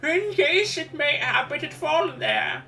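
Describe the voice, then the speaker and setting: A woman voicing an eccentric, fretful old man in a video game, with drawn-out, archaic, theatrical delivery. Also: sits high, expressive, creaky, pushed and bright, far from the mic, faint music behind, full character voice. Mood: mournful, indignant. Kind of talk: video game character dub.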